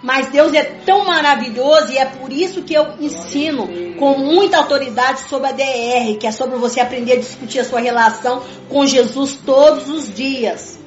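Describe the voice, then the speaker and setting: A high-pitched woman talks through her faith in an earnest, emphatic way, circling back to the same points and calling out to her listeners again and again. Her voice bounces around a reverberant room. The sound is dull and muffled, with soft music underneath. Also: normal speed, hardly any pauses. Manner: repetitive, keeps addressing listeners as "gente". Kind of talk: conversational religious talk.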